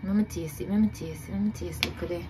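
A woman's voice: lowish voice, steady tone, fast, noisy background. A young woman with a Jamaican accent chatting casually as she cooks in her home kitchen, repeating herself and laughing at her own efforts. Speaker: cooking vlogger. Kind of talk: casual cook-along chat.

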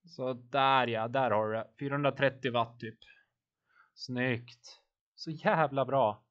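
A man's voice: medium pitch, fairly even intonation, a bit bright, dull audio. A man coaching his team live over voice chat during a virtual bike race, encouraging riders and calling out watts and turns.

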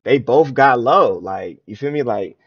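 A man's voice: medium pitch, expressive, unhurried, slightly rough. A man streaming live, chatting loosely and reacting to a music video, with lots of slang and filler questions to his viewers. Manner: loose slangy talk addressed to chat, frequent filler questions. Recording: dull lo-fi stream audio.

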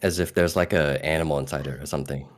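A man narrating as game master in a tabletop game, halting and repeating his words as he talks. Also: a bass voice, fairly even intonation.

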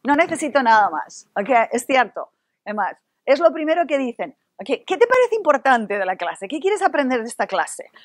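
Spanish woman leading a lively workshop. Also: high voice, normal speed, no echo. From Spain. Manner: lively, playful, asks the audience questions. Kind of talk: interactive workshop discussion.

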